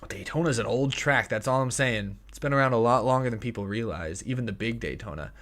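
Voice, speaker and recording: Brisk and a bit bright at medium pitch, this American livestream host in his twenties is slightly hoarse, fighting a tickle in his throat. Casually talking through his thoughts and self-correcting, he's in a small home streaming room using a headset and a studio mic on an arm.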